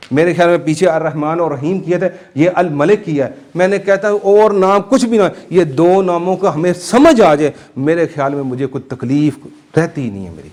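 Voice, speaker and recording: A man teaching a Quran class, lecturing with animated emphasis and putting questions to his students. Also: on the high side.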